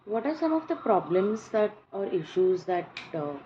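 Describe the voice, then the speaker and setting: A woman's voice: mid-range voice, big pitch swings, moderate pace, dark tone, a little hiss or hum. A woman asking questions as an interviewer. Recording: dull, muffled, music behind.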